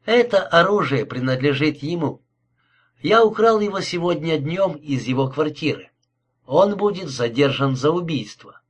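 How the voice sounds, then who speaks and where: A cold, courteous killer speaks with polite mockery, as a male reader puts him on. His voice is husky and set fairly high, and he never hurries. It is an audiobook thriller. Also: animated, muffled recording. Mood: cold menace. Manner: politely mocking, unhurried.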